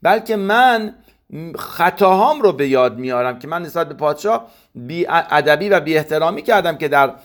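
Man, slightly high voice, Torah lesson, reads scripture and explains it step by step. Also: animated, a bit bright. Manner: explains slowly, mixing Hebrew verse readings into his explanation. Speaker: Torah teacher. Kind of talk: verse-by-verse Torah commentary lesson.

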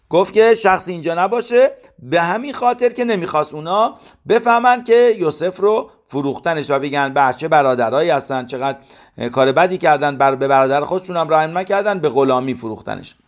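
A middle-aged man teaching a religious lesson, reading Hebrew commentary lines and explaining each in plain conversational terms. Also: a little high.

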